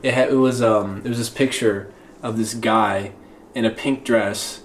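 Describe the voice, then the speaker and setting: A man's voice: lowish voice, fairly even intonation, unhurried. A young man on a casual podcast, telling stories in a laid-back, slangy way. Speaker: podcast co-host. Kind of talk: casual chat. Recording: roomy room with faint background noise.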